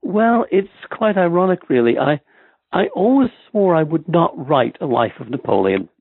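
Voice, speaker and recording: A man's voice: a little high, sing-song, moderate pace, slightly rough, no room sound. A man with an Irish accent, a historian being interviewed on a podcast, who talks in a hesitant way with many ums and restarts. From Ireland. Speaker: guest historian. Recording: tinny phone-like line.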